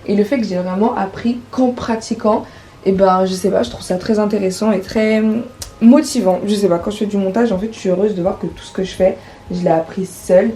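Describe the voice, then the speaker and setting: A woman's voice: medium pitch, fairly even intonation, brisk, mellow, a little hiss or hum, low-quality recording. A teenage girl chatting casually through her vlog, with many fillers and restarts. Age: teens. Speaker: vlogger.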